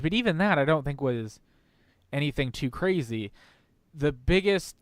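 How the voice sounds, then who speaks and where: A man's voice: mid-range voice, clear, resonant tone, no echo, clean studio sound. A man chatting casually as a podcast co-host, laid-back, slangy and often hedging. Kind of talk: casual chat.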